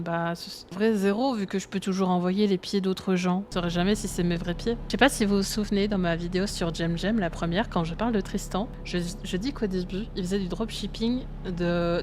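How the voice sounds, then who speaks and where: A woman's voice: mid-range voice, a little hiss or hum. A woman with a Belgian French accent, streaming a truck game live and chatting to her viewers with frequent laughter. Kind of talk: live gameplay commentary to chat.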